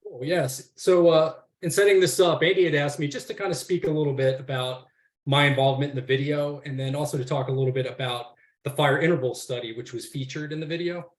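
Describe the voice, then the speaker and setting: A man's voice: fairly high pitch, steady tone, fairly quick, reverberant. A man on the forestry faculty of a university, speaking in a casual, rambling way on a webinar panel, with many fillers and restarts.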